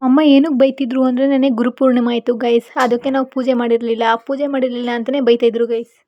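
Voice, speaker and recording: Young woman vlogging her day, high voice, talks fast, super chatty. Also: level tone, muffled recording. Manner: chatty, keeps addressing viewers as guys. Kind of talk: casual daily vlog narration.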